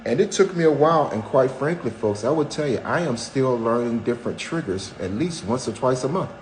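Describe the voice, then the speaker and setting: A man in his seventies chats casually and candidly as a podcast co-host alongside his wife, telling stories with wry, self-mocking jokes. His medium-pitched voice has lively intonation and a fairly quick pace, and the low-quality recording carries a little hiss or hum.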